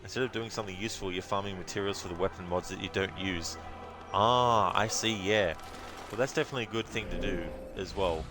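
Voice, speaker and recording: A man's voice: deep voice, fairly even intonation, a little fast, music in the background. A man giving casual commentary over a video game playthrough.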